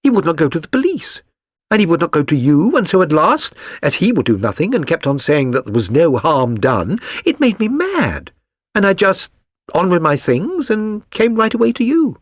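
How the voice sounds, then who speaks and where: A man's voice: a little high, big pitch swings, moderate pace, no room sound, clean studio sound, voice pushed up. A man voicing a chatty, flustered young working-class London woman in a storybook reading, rambling earnestly and eagerly. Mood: indignant.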